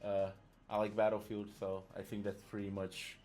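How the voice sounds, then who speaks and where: A lower-pitched man casting a fighting game tournament live, chatty and rambling as he drifts between play-by-play and asides. Game music plays faintly behind him. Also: completely flat delivery, moderate pace, a little mellow. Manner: rambling, chatty, trails off and restarts. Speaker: esports commentator and tournament organizer. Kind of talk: casual live game commentary.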